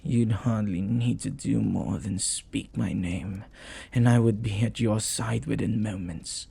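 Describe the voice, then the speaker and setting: A man voicing a possessive, devoted demon lover in an intimate audio roleplay, husky and breathy, often dropping toward a whisper. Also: lowish voice, steady tone, mellow, heavily acted. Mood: persuasive, earnest. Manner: slow, deliberate, dramatic pauses. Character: possessive lovestruck male demon, jealous, intense, devoted.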